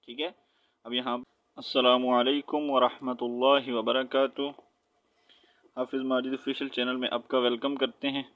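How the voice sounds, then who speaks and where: A man teaching Quran recitation step by step, spelling out letters with their vowel marks and often checking in with his listeners, then chanting verses slowly. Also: mid-range voice, flat delivery, highs cut off. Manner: switches between quick explanation and slow drawn-out chanted recitation.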